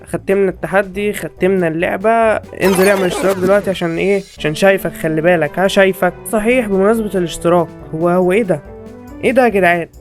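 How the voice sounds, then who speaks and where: Fast, high-pitched Egyptian gamer guy. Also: music in the background. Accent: Egyptian Arabic. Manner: jokey, excitable, talks to the viewer. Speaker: gaming YouTuber. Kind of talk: horror game commentary.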